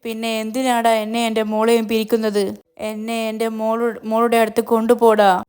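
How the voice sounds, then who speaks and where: A woman voicing a distraught captive mother pleading for her daughter and accusing her captor, in a smooth voice. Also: a little high, monotone, normal speed, a little mellow, close to an everyday voice.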